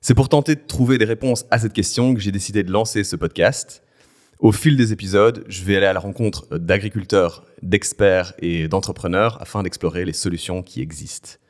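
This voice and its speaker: A man's voice: lowish voice, brisk. A man hosting a podcast, introducing the show and asking a guest questions with some hesitation. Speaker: podcast host. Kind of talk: podcast interview.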